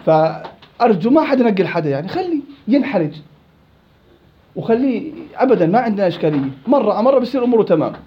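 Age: adult. Sex: man. Role: Quran recitation teacher. Pitch: high. Pace: fast. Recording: dull lo-fi. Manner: lively, quizzing students by name. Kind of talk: classroom lesson with students. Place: indoor study circle.

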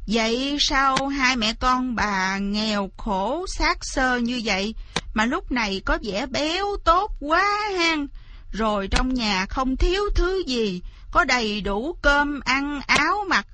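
A woman's voice: high-pitched, lively intonation, slow, bright, forceful tone, a little hiss or hum, full character voice. A woman storyteller voicing a landlord's wife who accuses and sneers. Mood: accusing.

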